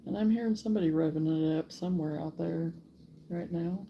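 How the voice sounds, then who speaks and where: This middle-aged host of a live crochet stream chats from her rural home, drawing out greetings to viewers. Her voice is on the low side with vocal fry, and the lo-fi recording has a little hiss or hum.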